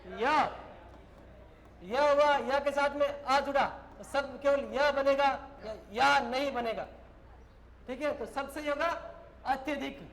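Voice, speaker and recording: High-voiced male teacher dictating words. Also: slow, long pauses, fairly bright tone, slight background noise, rough recording. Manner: dictates words and explains in short repeated phrases. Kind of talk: classroom grammar lesson.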